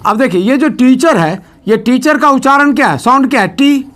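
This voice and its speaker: A man's voice: very high-pitched, lively intonation, moderate pace, a bit bright, soft background music. A man teaching English grammar, repeating questions and calling on students to answer aloud. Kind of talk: classroom lesson.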